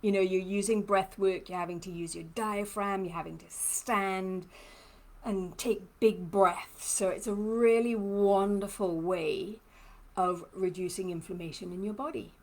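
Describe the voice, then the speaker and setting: Speaking at a measured pace with a medium pitch and fairly even intonation, a woman from Trinidad talks on a casual live stream. She's a lymphoedema therapist with a mixed, hard-to-place accent who answers viewer comments in a chatty, personal manner and laughs frequently.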